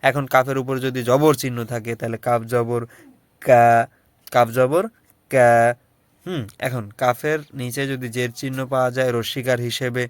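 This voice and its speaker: A man teaching the Arabic alphabet, slowly repeating each letter sound for learners to copy. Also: mid-range voice, level tone, clean tone, no echo. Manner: slow, repetitive drilling of sounds. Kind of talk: alphabet lesson.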